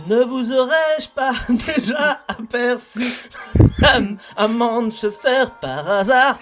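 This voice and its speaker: A man sings as a ceremonious gentleman, slow and grave to a tune. His voice sits high, with faint music behind. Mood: mock-solemn. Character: stiff formal gentleman in an absurd play. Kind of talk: sung comic parody of theatre lines.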